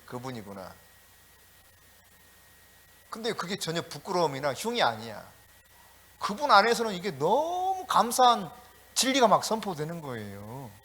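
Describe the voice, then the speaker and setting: A middle-aged male pastor giving a sermon, animated and storytelling, talking directly to the congregation with chatty asides. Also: high-pitched. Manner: animated preaching with shouted calls.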